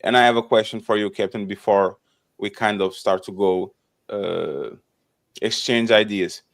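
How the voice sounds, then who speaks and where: A man's voice: on the low side, a little slow, vocal fry. A man moderating a casual live-streamed panel show, announcing upcoming episodes and introducing guests in a loose, repetitive way, often tagging sentences with "okay?".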